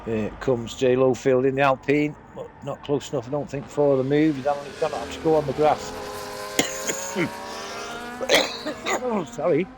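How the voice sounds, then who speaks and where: A man giving live sim racing commentary, with fillers and short pauses as he follows the action and a voice that climbs in pitch as battles get close. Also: steady tone, background noise. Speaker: race commentator.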